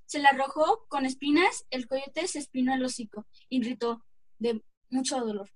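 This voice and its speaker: A woman with a Mexican accent narrating a folk tale in a plain, slightly halting reading voice. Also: high voice, no room sound. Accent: Mexican Spanish.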